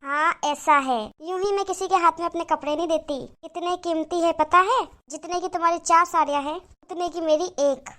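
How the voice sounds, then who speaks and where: A woman's voice: very high-pitched, steady tone, normal speed, hardly any pauses, bright, forceful tone. A woman voicing a rich, boastful city daughter-in-law in a cartoon moral story, haughty and mocking.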